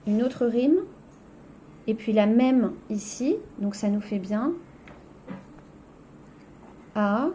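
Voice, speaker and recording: A woman's voice: on the high side, slight background noise. A woman teacher going over a poetry exercise in a recorded lesson, explaining step by step with frequent "donc" and "hein".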